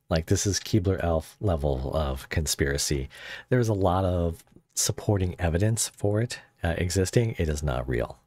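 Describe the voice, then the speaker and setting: A man talks through a voice changer that drags his voice extremely low and gives it a gravelly, husky grain. He rambles and jokes as he streams, often breaking off mid-thought. The sound is close and dry. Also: darkish tone, no room sound. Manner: rambling, joking, self-interrupting. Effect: voice changer pitching the voice very deep. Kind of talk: casual livestream chat.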